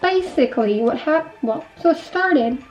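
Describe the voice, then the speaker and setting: Doing her makeup, a young adult woman chats through a rambling life update, often circling back and starting sentences over. Her voice sits high and is expressive, measured, and darkish, with a congested, nasal, sick quality and a sore throat. The recording is muffled, with gentle background music.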